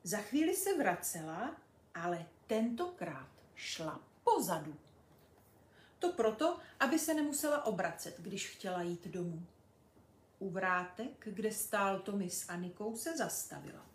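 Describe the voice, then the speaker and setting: Woman reading a children's story aloud. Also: medium pitch. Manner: expressive storytelling. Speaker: reader. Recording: echoey room.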